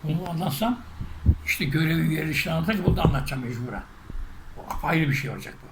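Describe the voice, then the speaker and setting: A man, a spiritual teacher, recounting a personal story in an animated way and acting out the shouts and quotes in it. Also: on the high side, racing. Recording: echoey room with faint noise.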